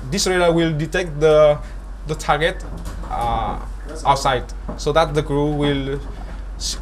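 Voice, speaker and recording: A man explains the equipment on a ship's bridge, his voice slightly high. He speaks haltingly and stops often to find his words. Faint background noise sits under him. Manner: halting, explanatory, many fillers. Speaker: maritime instructor. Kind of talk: explaining equipment on a guided tour.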